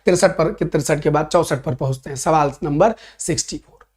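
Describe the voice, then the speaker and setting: A man teaching a Hindi grammar class for an exam, lively and playful, reading out comments and answering them. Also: fairly high pitch, normal speed. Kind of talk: online exam-prep class.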